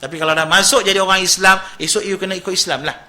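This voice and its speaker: A man delivers a sermon as a story, chatty and animated, slipping English words in among his phrases. His voice sits a little high, with a sharp, forceful edge. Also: rapid-fire. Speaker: preacher.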